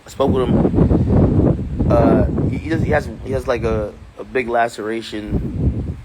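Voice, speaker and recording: A man's voice: medium pitch, fairly even intonation, a little slow. A man chatting casually outdoors, rambling loosely with lots of fillers and laughs. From Jamaican. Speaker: streamer host. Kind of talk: casual vlog chat. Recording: loud outdoor noise.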